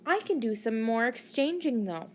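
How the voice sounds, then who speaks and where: A woman teacher narrating a maths lesson for children, deliberately teaching a child to count and putting questions to the listener. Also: on the high side, expressive, slight background noise. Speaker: primary school maths teacher.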